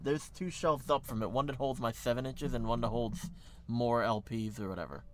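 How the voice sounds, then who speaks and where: A man's voice: medium pitch, steady tone, moderate pace. Rambling American man streaming casually. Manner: rambling, filler-heavy, self-correcting. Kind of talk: casual livestream chat.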